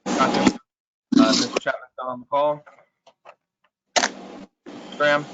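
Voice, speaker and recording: A man's voice: mid-range voice, little pitch movement, unhurried, very noisy. A man, a mayor, chairing a council meeting on a video call and calling names in plain, procedural turns, his audio muffled as if he were speaking in a tunnel.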